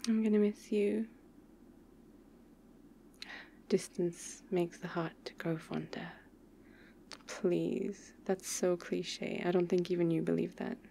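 A woman plays an affectionate, playfully pouty girlfriend in an ASMR role-play. Her voice is intimate, soft and mellow, with a gravelly fry at the edges. She speaks slowly and tenderly, over faint ambient noise. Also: medium pitch, close to an everyday voice. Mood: teasing, intimate.

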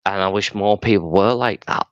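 Middle-aged male, low register, conversational storyteller who rambles with emphasis; close dry sound, dulled by the call. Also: normal speed, dry recording, dull audio. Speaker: street evangelist being interviewed. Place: small room at home, video call. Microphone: headset microphone.

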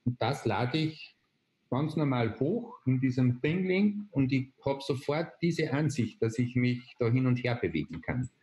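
A man, explaining a software tool step by step on a video call, with frequent hesitation fillers. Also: medium pitch, big pitch swings, unhurried. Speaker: presenter. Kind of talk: online webinar demonstration. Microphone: video call webcam.

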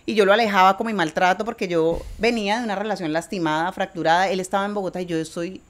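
A woman's voice: medium pitch, fairly even intonation, fast talker. A woman from Colombia with a Cali accent, a podcast guest chatting candidly and animatedly, swearing freely and laughing often. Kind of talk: candid casual interview chat.

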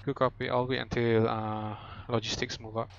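A man's voice: mid-range voice, level tone, normal speed, creaky. A man, speaking clipped military radio procedure as a forward observer, heard over a game radio. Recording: dull lo-fi radio with faint noise.

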